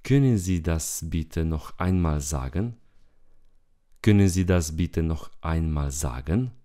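Very deep, slow-spoken male language teacher. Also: animated, mellow. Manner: slow, repeats each phrase twice. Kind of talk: bilingual language lesson.

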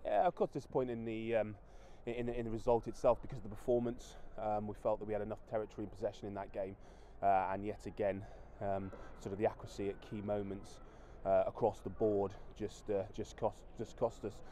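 A man's voice: fairly low pitch, steady tone, a little fast, few pauses, dark tone, a little hiss or hum. A man in his thirties, a rugby coach, giving a post-match interview outdoors at a floodlit ground, talking with many fillers and restarts.

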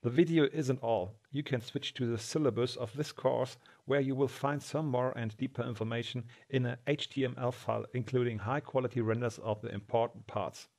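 A man's voice: mid-range voice, fairly even intonation, fairly quick, hardly any pauses, a little mellow. Man with a German accent teaching. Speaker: course instructor. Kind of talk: scripted tutorial introduction.

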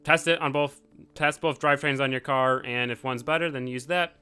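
At medium pitch and normal speed, his voice is steady, bright, forceful, clear, and resonant. The young man hosts his channel with casual commentary on a racing game, frequently lapsing into frustrated outbursts and swearing. Car engines, music, and game audio can be heard underneath.

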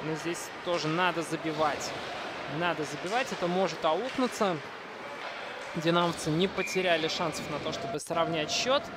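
Male live hockey commentator, high-pitched, unscripted with searching pauses, very loud rink noise behind. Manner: unscripted running commentary with hesitant pauses mid-sentence. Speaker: ice hockey play-by-play commentator. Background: noisy indoor ice rink.

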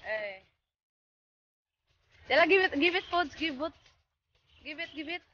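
A young woman filming on her phone at an outdoor animal farm, gently coaxing a small child to feed the animals and mixing in words from other languages. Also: sits high, lively intonation, measured pace, dull audio. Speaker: vlogger and parent. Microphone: handheld phone filming.

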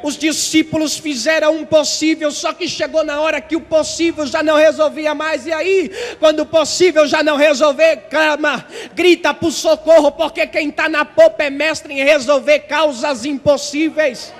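A man preaching a passionate, repetitive sermon that often rises to shouting. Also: very high voice, fairly even intonation, moderate pace, hardly any pauses, big-room sound.

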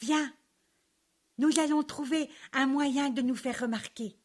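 A woman doing Joligrain, a bright curious little grape. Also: high voice, steady tone, unhurried, voice pushed up. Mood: amazed. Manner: wide-eyed, playful, joking.

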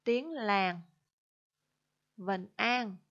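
A Vietnamese woman, a primary school teacher, explaining a spelling lesson slowly and carefully, syllable by syllable. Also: medium pitch, a bit bright, dull audio. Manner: slow, careful dictation-style explanation. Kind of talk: recorded online spelling lesson.

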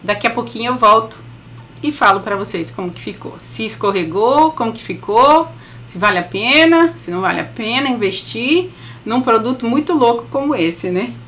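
A woman's voice: on the high side, expressive, normal speed, fairly bright tone, slight background noise. A middle-aged woman with a Brazilian Portuguese accent reviewing a beauty product in a casual, chatty way with laughing asides, speaking through a face mask. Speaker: beauty vlogger.

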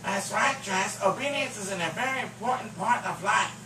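A man's voice: high-pitched, moderate pace, background noise, close to an everyday voice. A man voicing a brash, teasing sock puppet host in children's puppet show banter, exclamatory and sarcastic. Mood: earnest.

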